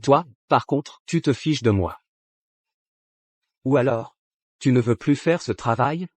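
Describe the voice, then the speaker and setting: A man dubbing a proud, jealous young prince in a drama, stern and clipped, with a husky voice. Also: mid-range voice, slow, no room sound. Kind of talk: dubbed short-drama acting.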